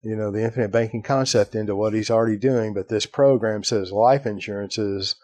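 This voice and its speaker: Casting: male podcast host, lowish voice, chatty storyteller, dry close sound. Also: steady tone, fairly quick, a little mellow, no echo. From Ireland. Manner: storytelling, acts out quoted voices, fillers like "right?". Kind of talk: casual conversation.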